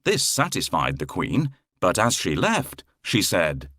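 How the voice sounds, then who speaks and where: Reading a children's fairy tale theatrically, this man uses a lowish, slightly bright voice with a breathy edge and huge swings in melody. He goes very slowly, recorded dry with no room sound.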